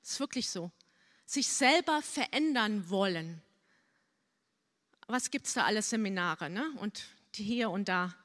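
Slow, earnest woman preaching in a reverberant hall. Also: medium pitch, expressive. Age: middle-aged. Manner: slow, earnest preaching with hushed, pleading prayers. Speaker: pastor. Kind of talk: sermon. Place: church hall. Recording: church hall with long reverb.

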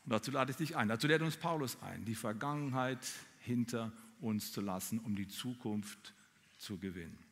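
A man preaching a sermon, talking straight to his listeners in an animated way. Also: medium pitch, moderate pace, long reverb tail. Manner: animated, addresses listeners directly. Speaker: pastor.

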